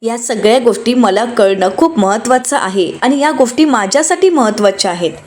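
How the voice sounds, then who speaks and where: A woman's voice: fairly high pitch, expressive, fairly quick, darkish tone, close to an everyday voice. A woman narrator reading the lines of an angry young wife who scolds indignantly.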